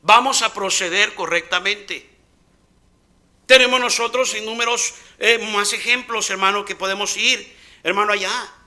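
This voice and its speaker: A male pastor delivers a sermon with a very high, bright, piercing voice. He preaches emphatically, firing off rhetorical questions and slipping into acted-out dialogue. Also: normal speed.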